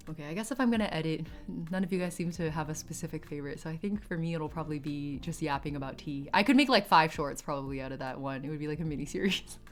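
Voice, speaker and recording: A streamer in her late twenties chats casually with her live chat, rambling, giggling often, and swearing offhand. Her voice is fairly low and a bit bright.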